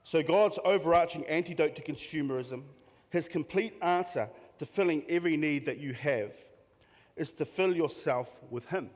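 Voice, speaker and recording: Earnest male pastor in a reverberant hall. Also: a little high. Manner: earnest preaching with pauses and repeated phrases. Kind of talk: sermon. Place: church hall.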